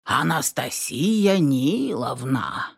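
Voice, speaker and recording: A woman's voice: lowish voice, very animated, slow pace, fairly bright tone, no echo, studio quality, full character voice. A woman voicing a tall, thin, half-deaf old village man who hollers in rustic dialect. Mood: hollering.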